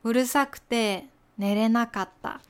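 A woman hosts a Japanese lesson podcast, speaking slowly and patiently. Her voice sits a little high, and she leans on soft fillers and example sentences. A light slips through. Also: fairly even intonation, clear, resonant tone. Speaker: podcast host teaching Japanese.

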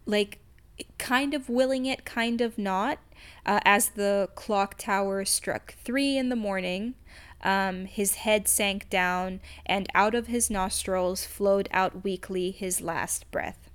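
A woman's voice: mid-range voice, slow, smooth. A woman co-hosting a podcast, discussing a story casually in an emphatic, candid way that suits swearing. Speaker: podcast co-host.

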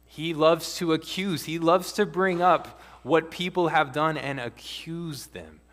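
A man preaching a sermon as pastor, earnest and measured, with occasional restarts. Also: on the high side, fairly bright tone. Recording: long hall reverb.

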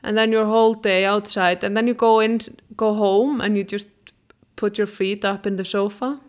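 A woman's voice: mid-range voice, fairly even intonation, moderate pace. A woman from Iceland, chatting bluntly and opinionatedly. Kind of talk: casual chat.

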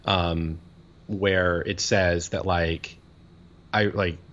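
A man's voice: sits low, level tone, extremely slow, fairly bright tone, highs cut off. A man co-hosting a podcast, a priest talking casually and rambling with many fillers and restarts.

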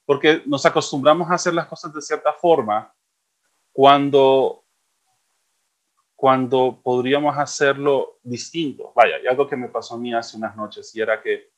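A man's voice: mid-range voice, steady tone, moderate pace. A middle-aged man, telling stories in a casual chat and repeating words for emphasis. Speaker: co-host.

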